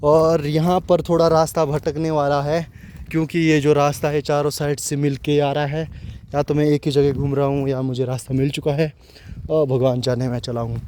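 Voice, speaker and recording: A man narrating a walking vlog outdoors in a dense forest, chatting loudly to the camera as he goes. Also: a little high, level tone, normal speed, a little hiss or hum. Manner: chatty, talks loudly to warn animals. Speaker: nature vlogger.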